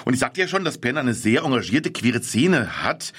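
A male radio host with a mid-pitched voice recorded dry and close in the studio. He reads a prepared opening, then guides the talk with short questions and steady murmurs of agreement. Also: moderate pace, slightly rough, no echo. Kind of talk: radio interview and scripted intro.

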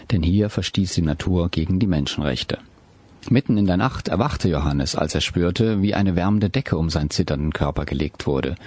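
A male audiobook narrator with a calm, measured delivery. His voice sits low with a husky texture. The recording is dry and close, with no room sound. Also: dry recording. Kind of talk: scripted narration.

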